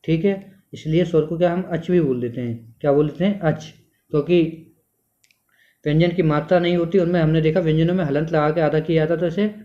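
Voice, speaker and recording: A man's voice: fairly high pitch, fairly even intonation, brisk. A male teacher giving a classroom lecture, asking the class questions and then answering them himself. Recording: dull lo-fi sound.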